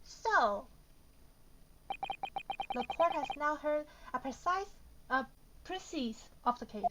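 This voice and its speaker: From her bedroom, a woman streams a video game over loud game music, reading the dialogue aloud and reacting informally as though talking to herself. Her voice is high and expressive, and she speaks slowly. Background noise is present.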